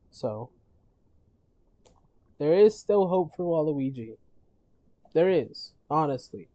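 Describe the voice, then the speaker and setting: A streamer chatting casually on a gaming stream, rambling with halting restarts and frequent laughs, their voice worn from talking all day. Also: mid-range voice, expressive, warm tone, no echo, lo-fi sound. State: losing their voice.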